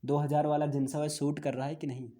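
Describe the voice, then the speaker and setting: A man with a fairly high, warm voice and little pitch movement teaches an English grammar lesson in a classroom style. He explains step by step in Hindi mixed with English terms, poses questions and answers them himself, and reads English lines out slowly.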